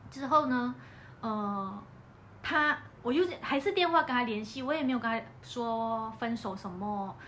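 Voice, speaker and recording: On a podcast, a woman with a Malaysian Mandarin accent chats casually through a personal story, animatedly acting out the quoted dialogue. Her voice sits fairly high and moves a little slowly, with a faint hiss or hum underneath.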